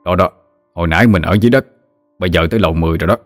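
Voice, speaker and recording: A man's voice: low voice, rapid-fire, no echo, studio quality, soft background music. A man voicing a patient, good-humored middle-aged nephew, reassuring and teasing. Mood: patient, amused.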